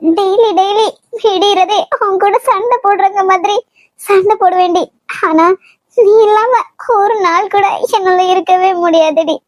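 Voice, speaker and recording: Squeaky high cartoon big sister, a woman doing it, bossy and sweet, dry close sound. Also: fairly even intonation, measured pace, no room sound. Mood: tender. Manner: scolding, teasing, affectionate. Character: bossy loving older sister, young woman.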